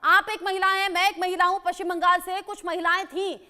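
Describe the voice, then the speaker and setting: A woman's voice: very high voice, level tone, fairly quick, pushed and bright. A woman from western Uttar Pradesh anchoring a heated TV debate, pressing guests with repeated questions. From western Uttar Pradesh, India. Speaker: news anchor. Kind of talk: moderating a TV debate.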